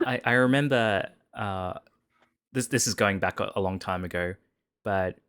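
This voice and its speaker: A man's voice: fairly low pitch, moderate pace, fairly bright tone, smooth. A man hosting a casual live stream chat, often repeating and restarting his words as he talks. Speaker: stream host.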